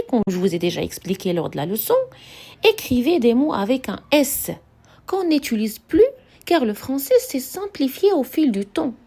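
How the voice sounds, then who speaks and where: A woman teaching a French grammar lesson, slowly spelling out examples and repeating key words with emphasis. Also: on the high side, mellow. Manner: slow, deliberate, repeats and stresses example words. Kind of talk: classroom-style grammar lesson.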